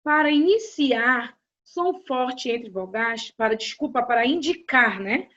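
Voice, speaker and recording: High-voiced woman teaching grammar slowly. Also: expressive, a bit bright. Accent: Brazilian Portuguese. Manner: slow, deliberate explanation addressing students directly. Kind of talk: grammar lesson narration. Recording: dull lo-fi audio.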